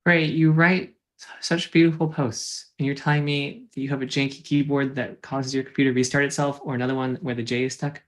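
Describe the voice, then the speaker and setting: A man's voice: mid-range voice, level tone, brisk. A man hosting a casual chat, asking curious, playful questions.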